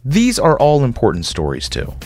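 Animated man on a sarcastic, conspiratorial rant. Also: medium pitch, soft background music. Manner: sarcastic, conspiratorial late-night rant with rhetorical questions; dramatic pauses and repeated phrases. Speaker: commentator host. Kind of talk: impassioned monologue rant to listeners.

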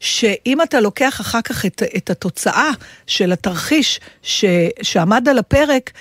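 A woman's voice: a little high, animated, slightly rough, dry recording, clean studio sound. A woman co-hosting a casual talk show, chatty and restarting her sentences as she thinks aloud. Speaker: radio co-host. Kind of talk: casual talk-radio discussion.

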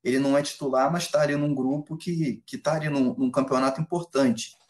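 A man with a Brazilian accent giving casual football analysis as a reporter, in halting, pieced-together phrases. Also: medium pitch, fairly even intonation, darkish tone.

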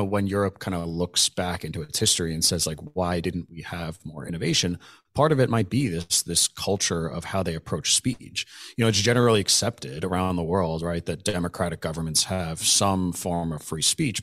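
Male host, deep voice, dry close recording, chatty with frequent asides. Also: moderate pace, a bit bright, no room sound. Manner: conversational, frequent "right?" asides. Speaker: podcast host. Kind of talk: casual policy chat.

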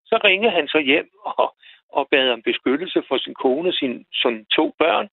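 A man calling in to a radio show, telling a personal story in a halting way, repeating words as he goes. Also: on the high side, lively intonation, gravelly, breathy edge, dry recording. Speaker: radio caller. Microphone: telephone. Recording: tinny phone line, dry.

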